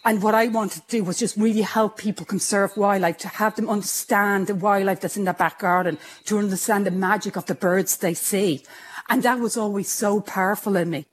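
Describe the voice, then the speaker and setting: A woman's voice: medium pitch, fairly even intonation, fairly quick. A woman from Ireland with a speech impediment, telling her own story in a candid, self-mocking way and carefully sounding out hard words. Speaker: interviewee. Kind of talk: personal storytelling.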